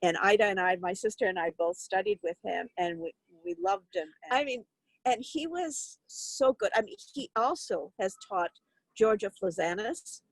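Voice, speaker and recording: An older woman recalls her early years in music in an easy interview style, pausing and restarting as she goes. Her voice is of middle pitch and sounds close and dry, with no room around it. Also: animated, dry recording, poor audio. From Turkey. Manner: reflective, warm storytelling with fillers and restarts. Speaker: interviewee, violinist. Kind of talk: conversational interview.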